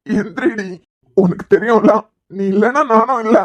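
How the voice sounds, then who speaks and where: A woman voices a nervous young man looking after an unconscious girl, pleading softly in a Kanyakumari Tamil accent. Her pitch is a touch high and her pace normal, with light acting, no echo and faint music in the background. It's voice work for a cartoon web series.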